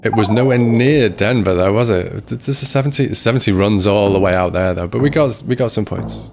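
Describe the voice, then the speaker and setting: A man streams a geography game, muttering his thoughts aloud as he searches, in casual commentary. His voice is lowish, fairly quick, gravelly and a little mellow, strained as though a cold is coming on, with slight background noise.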